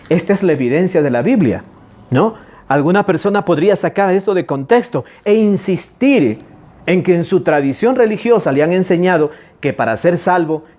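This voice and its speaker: Male pastor, sermon delivery, slightly high and very animated pitch, emphatic, rhetorical. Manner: emphatic, rhetorical questions, urging listeners; stretches key words slowly, then rushes asides.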